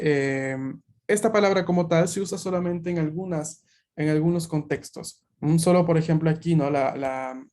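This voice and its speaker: A man's voice: fairly high pitch, dark tone. Man teaching a Japanese class online. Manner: explanatory, many filler checks.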